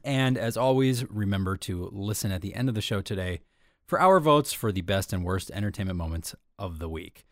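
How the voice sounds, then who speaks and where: Chatty man podcast host, low voice. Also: expressive, brisk, no echo, clean studio sound. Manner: chatty, rambling with many fillers. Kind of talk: casual podcast chat.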